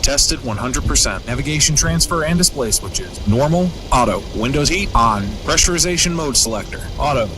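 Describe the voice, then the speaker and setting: A man's voice: mid-range voice, lively intonation, moderate pace, hardly any pauses, close to an everyday voice. A man voicing a businesslike airline first officer reading terse checklist callouts. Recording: clear aircraft cockpit noise.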